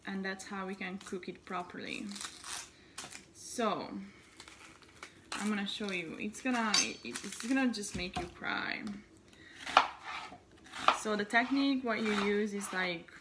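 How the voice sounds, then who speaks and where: A woman's voice: mid-range voice, very noisy. A young woman from Hungary with a Hungarian accent, chatting casually through a home cooking tutorial with lots of fillers. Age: young adult. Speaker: cooking vlogger.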